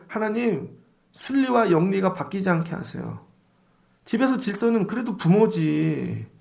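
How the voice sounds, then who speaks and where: A middle-aged man preaching an early-morning sermon in a chatty, direct way, quoting people in little mimicked voices. His voice sits high for a man and carries a rough, gravelly edge. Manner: conversational preaching, mimics voices in quoted asides. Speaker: pastor.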